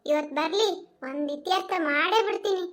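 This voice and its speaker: A woman's voice: very high-pitched, moderate pace. A woman playing a fed-up village wife, scolding and grumbling about her drunk husband. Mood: weary grumbling. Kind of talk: comedy skit acting.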